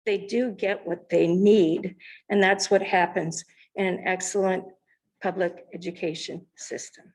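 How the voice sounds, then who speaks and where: A woman's voice: fairly low pitch, fairly even intonation, a little mellow. Earnest woman giving public comment. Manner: earnest, measured, with filler ums. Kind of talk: public comment at a school board meeting. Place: school committee meeting room.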